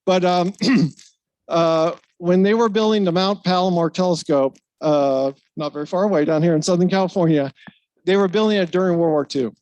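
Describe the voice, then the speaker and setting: High-voiced man giving a rambling tribute. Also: normal speed, a little mellow, no echo, highs cut off. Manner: rambling, self-deprecating, with fillers and laughs. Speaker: speaker at a retirement ceremony. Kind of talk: informal ceremonial speech. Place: event stage.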